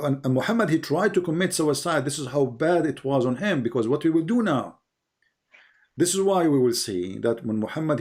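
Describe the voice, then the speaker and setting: A religious debater on a live call, a man with a mid-range, darkish voice, speaks English as a non-native speaker. He lectures a caller insistently, like a teacher pressing a point, and keeps throwing rhetorical questions at him in this polemical debate.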